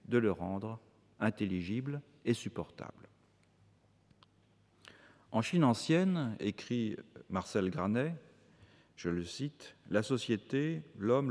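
A man giving a formal academic lecture, reading long measured sentences with occasional hesitant fillers, before an audience in a lecture hall. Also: mid-range voice, darkish tone.

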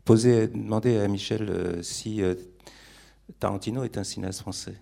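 A filmmaker on a discussion panel, a man who speaks haltingly with many fillers. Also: lowish voice, steady tone, creaky, mellow. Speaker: filmmaker guest.

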